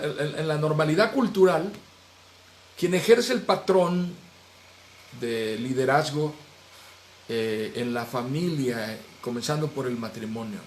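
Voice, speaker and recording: A male pastor teaching a Bible study in earnest, raising his voice on some phrases and dropping low and soft at the ends of others. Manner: earnest, swings between raised animated phrases and low soft trailing endings. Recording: echoey room, faint background noise.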